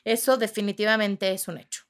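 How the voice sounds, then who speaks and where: A woman giving casual parenting advice, animated and acting out loud outbursts as examples. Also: mid-range voice, fairly quick. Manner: animated, acts out voices with sudden loud outbursts. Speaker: parenting expert guest.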